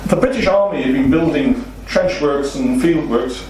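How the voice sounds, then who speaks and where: The seminar speaker's voice is on the high side, animated, moderately paced and a little mellow. He's a middle-aged Welshman with a Welsh accent, lecturing with illustrations to a seated audience, explaining steadily and asking rhetorical questions. The far-off, unseen mic in the very echoey meeting room also catches a faint room hum.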